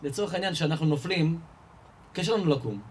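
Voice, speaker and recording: Animated, slightly high-voiced rabbi preaching. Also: male voice, a little hiss or hum. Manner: animated storyteller, asks and answers his own questions, rises in pitch and volume. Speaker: rabbi giving a Torah lesson. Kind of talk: lively sermon with stories and rhetorical questions. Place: live event hall before an audience.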